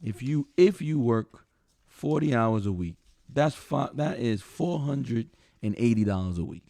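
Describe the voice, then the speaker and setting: A middle-aged man co-hosting a podcast, chatting casually and with opinions, laughing often and thinking out loud with restarts. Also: medium pitch, animated, measured pace, gravelly, dry recording. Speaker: podcast co-host.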